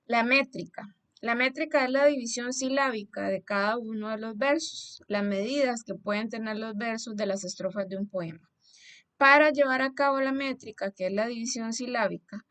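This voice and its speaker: A woman's voice: on the high side, a bit bright. A young woman teacher with a Costa Rican accent who explains a lesson slide patiently and keeps checking that her students follow. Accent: Costa Rican Spanish. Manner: patient, explanatory, asks "¿verdad?" to check understanding.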